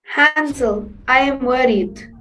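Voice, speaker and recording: A worried, naive little girl, played by a woman, speaks in a high voice. It is comic fairy-tale stage acting over faint music. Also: takes it slowly, fairly bright tone, low-quality recording.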